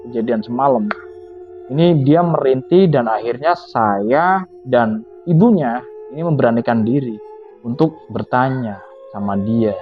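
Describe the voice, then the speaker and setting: A man's voice: medium pitch, no room sound, natural voice. A man voicing a grieving middle-aged father who earnestly explains what he has been through, on a tinny, phone-like recording. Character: grieving middle-aged father haunted by his dead daughter.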